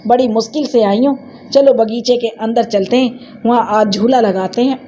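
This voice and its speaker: A woman's voice: on the high side, steady tone, normal speed, warm tone, a little hiss or hum, natural voice. A woman doing a cheeky, headstrong village girl. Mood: eager. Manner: coaxing, cheeky. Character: lively teenage village girl, playful and headstrong.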